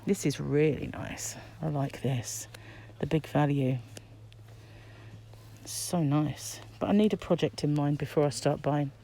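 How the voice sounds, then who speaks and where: Speaking in a deep, dark-toned voice at an unhurried pace, this middle-aged British woman muses aloud as she browses a shop aisle, her words muffled by a face mask. She's a crochet vlogger giving chatty commentary for a casual shopping vlog, recorded on a handheld phone held behind the camera amid background noise and the hum of the shop.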